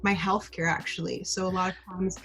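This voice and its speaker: A woman from Germany speaking in a measured, thoughtful way in a casual podcast discussion. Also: on the low side, level tone, fairly bright tone, soft background music. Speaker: podcast co-host.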